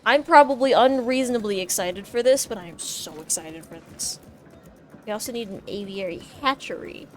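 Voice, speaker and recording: A woman giving casual, excitable commentary while she plays a video game, often squealing with delight. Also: mid-range voice, normal speed, soft background music. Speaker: gameplay streamer.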